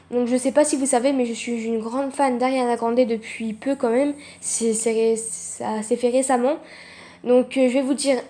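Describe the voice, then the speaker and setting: A young woman with a mellow voice pitched a little high chats in a fan vlog. She reads from a draft, halting, restarting words and apologizing for slips. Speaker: fan vlogger. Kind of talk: casual vlog reading from notes.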